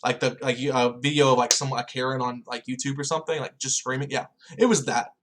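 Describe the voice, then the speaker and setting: A man's voice: mid-range voice, steady tone, quick pace, a bit bright. A young man co-hosting a podcast, rambling through casual chat and filling it with "like". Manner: rambling, heavy use of "like". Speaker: podcast co-host.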